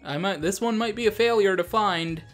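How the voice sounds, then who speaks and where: Speaking at normal speed in a voice that sits high, a gaming show host gives laid-back, talkative commentary as he plays, regularly poking fun at himself. Video game music accompanies him in the background.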